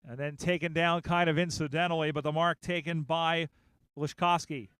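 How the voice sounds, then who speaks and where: A male play-by-play commentator calls a football match live, his voice smooth and crisp with little pitch movement. He sounds close and dry on his commentary mic, and he gets louder when the big plays land. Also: no room sound. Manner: rapid play-by-play, rising excitement on big plays. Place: outdoor sports field.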